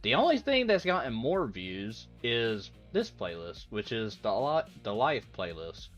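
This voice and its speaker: Over dull, lo-fi audio with faint music behind him, a young streamer rambles casually to his viewers, reads their chat messages and laughs easily. He sounds very animated yet measured in pace, with a mid-range, fairly bright voice.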